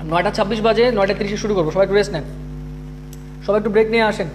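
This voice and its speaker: A man's voice: sits high, very fast, noisy background. A man teaching an English grammar class, repeating each rule and often checking that students follow. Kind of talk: live online class.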